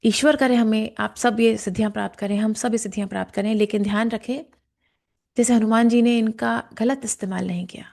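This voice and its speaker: A woman teaching a guided meditation, explaining chakras in a calm, slow way and softly chanting devotional verses, sometimes in a whisper. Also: on the high side, gravelly. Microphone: camera and mic in front of her.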